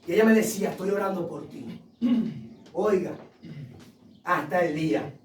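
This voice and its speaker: A male pastor preaching a passionate sermon, telling personal stories and rising into shouts. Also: high voice, moderate pace, slight background noise. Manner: impassioned preaching that swells into shouts; tells personal stories with acted quotes. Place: church sanctuary. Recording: echoey church sound from a distant mic.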